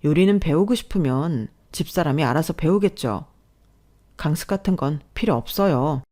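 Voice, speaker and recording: A woman's voice: low-pitched, expressive, normal speed, warm tone. A woman reading as a firm young husband. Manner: firm, restrained.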